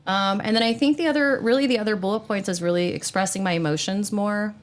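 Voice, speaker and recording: A woman's voice: mid-range voice, fast. A woman hosting a casual group discussion, speaking earnestly and acting out the people she quotes. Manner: earnest, animated, acts out quoted speech.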